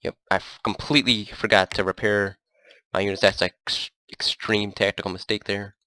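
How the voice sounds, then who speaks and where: Playing a strategy game, a man with a stuffy nose and a cough offers casual let's play commentary in a lowish voice at a moderate pace. His manner is relaxed and rambling as he thinks out loud, and the recording carries loud background noise.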